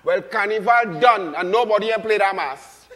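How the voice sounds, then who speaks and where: A man's voice: sits high, normal speed, a bit bright, in a large hall. A man playing a joking Trinidadian man in a comedy sketch, teasing and mocking in a Trinidadian accent. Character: teasing Trinidadian man meeting his girlfriend. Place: airport car park outdoors.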